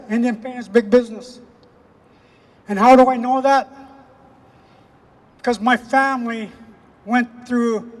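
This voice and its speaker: High-voiced man giving a protest speech. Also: long reverb tail. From Canada. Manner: emphatic, repetitive, with slow weighty pauses. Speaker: rally speaker. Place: outdoor rally.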